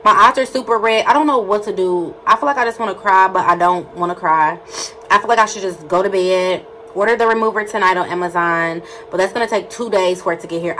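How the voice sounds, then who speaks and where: A woman's voice: mid-range voice, a bit bright, slight background noise. A woman vlogging at home at night, sore and near tears, talking straight to her viewers in distress. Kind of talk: casual vlog talk to camera.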